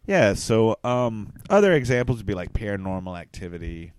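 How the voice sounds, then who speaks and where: Low-voiced man rambling through deadpan tall tales. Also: normal speed, smooth, no room sound. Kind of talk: casual comedic chat.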